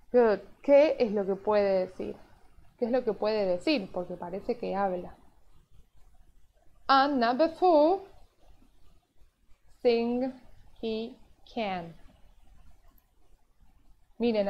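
In a live online class, a woman with a medium-pitched, somewhat dark voice teaches English, switching between English and Spanish. She patiently explains step by step and keeps checking in with "yes?" The video-call audio is dull and lo-fi.

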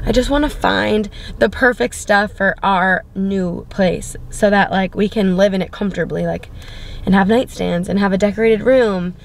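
Her mid-range voice moves a little slowly with vocal fry, over slight background noise. A young woman from Florida who vlogs home decor, she films in stores and later a parked car with a handheld camera, chatting bubbly and filler-laden as she gushes about her finds.

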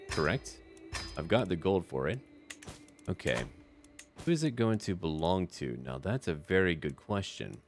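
A deep-voiced man hosts a relaxed roleplay gaming video, tossing out chatty, casual remarks aimed at the characters in the game.

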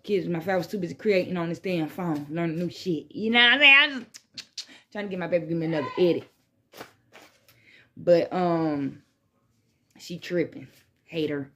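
A woman's voice: fairly low pitch, normal speed, long pauses, pushed and bright, slight background noise. A woman vlogging casually in a laid-back stoner manner, rambling with slang and swearing and circling back over her phrases. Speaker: vlogger hosting a smoke session. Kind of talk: casual rambling chat to camera. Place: small bedroom, indoors. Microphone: phone propped at arm's length or a little further.

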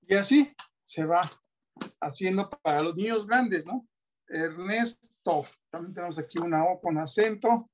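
Mexican man, high-pitched, patient teacher showing classroom materials. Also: moderate pace, slight background noise. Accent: Mexican Spanish. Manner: patient, asks many rhetorical checks. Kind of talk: classroom-style demonstration.

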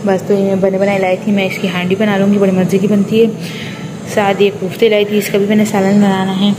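A woman's voice: medium pitch, completely flat delivery, fairly quick, background noise. A young woman from Karachi with a Pakistani Urdu accent, chatting casually to viewers as a family vlogger and showing her things one by one. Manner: chatty, addresses viewers directly, shows items one by one. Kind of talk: casual vlog narration.

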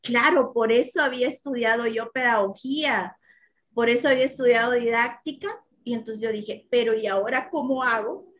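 A woman's voice: fairly high pitch, fairly even intonation, normal speed, fairly bright tone. A woman with a Central American Spanish accent, a course teacher sharing her personal story earnestly in an interview, laughing readily.

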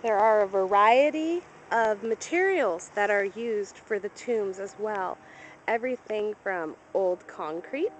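A woman gives a walking-tour commentary outdoors, pointing things out as she strolls through a cemetery. Her voice sits at an ordinary pitch, picked up by a handheld camera mic. A faint outdoor ambience hums underneath. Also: slight background noise, low-quality recording. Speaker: travel vlogger. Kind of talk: on-location guided tour narration.

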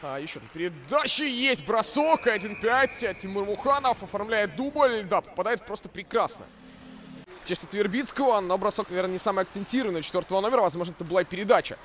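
Guy doing live hockey commentary, high bright voice, bit of arena noise. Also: expressive, quick pace. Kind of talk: live play-by-play sports commentary.

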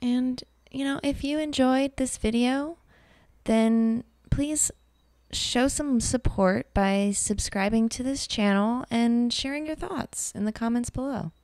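Calm woman artist talking slowly over her art demo, soft and reflective, bit of vocal fry. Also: a little high, no echo. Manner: soft, unhurried and reflective, with fillers. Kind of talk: calm narrated art demonstration.

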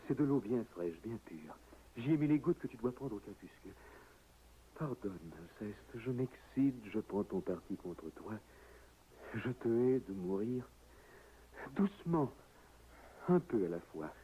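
An actor playing a grieving husband in a 1960s radio drama, swinging from hushed pleading to anguished cries. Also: male voice, fairly low pitch, lively intonation, unhurried, long pauses. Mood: tender. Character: grieving husband Admette, desperate and self-reproaching. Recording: muffled old radio recording, faint hiss.

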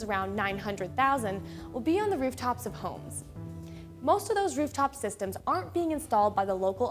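A young woman hosting a scripted explainer in a studio, speaking clearly and upbeat into a lapel mic. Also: a little high. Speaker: host. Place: studio with a plain gray backdrop.

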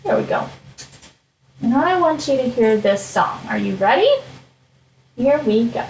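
Slow singsong woman teaching little kids. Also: a little high, animated, darkish tone, slight background noise. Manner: broad, singsong delivery for little children, with prompting questions. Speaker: early childhood teacher. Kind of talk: online lesson for young children. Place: small furnished room at home. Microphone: computer mic at desk, video call framing. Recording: roomy home computer recording.

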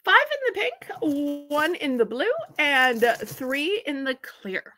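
A woman's voice: high-pitched, sing-song, slow pace, sharp tone. A woman hosting a live online auction from home, chatty and folksy as she counts out items for bidders.

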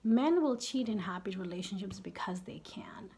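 A candid, foul-mouthed beauty vlogger in her fifties chats casually about makeup in a warm, creaky, mid-range voice that is expressive and moves at normal speed. She's openly profane and often drops into half-whispered asides.

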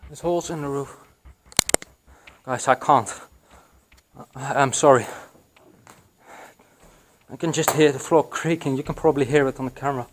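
Exploring a derelict building's resonant hallways and attic, a young man with a Belgian accent narrates for his vlog, hushed, thrilled, and heavy on fillers. He keeps a medium pitch and moderate pace with frequent pauses, recorded with background noise on an action camera, either held or body-mounted.

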